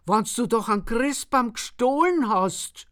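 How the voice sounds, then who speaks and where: A woman's voice: fairly high pitch, expressive, takes it slowly, a bit bright, voice pushed up. A woman voicing a sly, stubborn farmer of about sixty, speaking blunt and emphatic. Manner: crafty, blunt dialect speech, raised and emphatic.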